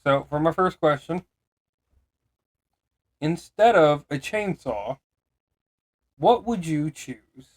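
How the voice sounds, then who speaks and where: A man's voice: fairly high pitch, expressive, takes it slowly, long pauses. A man co-hosting a casual podcast chat, who laughs along and asks the questions.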